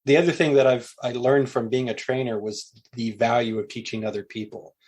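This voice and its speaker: A man's voice: medium pitch, fairly even intonation, brisk, darkish tone, breathy edge. A middle-aged man, a linguistics professor, answering interview questions in a thoughtful, conversational way with frequent fillers and restarts.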